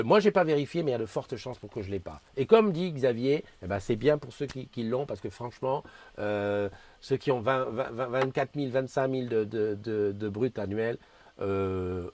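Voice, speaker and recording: A man's voice: medium pitch, a little mellow. A man hosts a casual live morning stream, rambling and restarting as he greets viewers and reads their comments. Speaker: host of a live community morning show.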